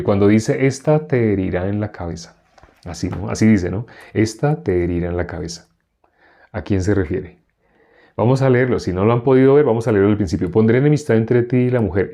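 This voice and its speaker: Guy teaching a bible class, lowish warm voice, keeps quizzing the group. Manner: keeps asking the group questions; repeats verses slowly, chuckling now and then.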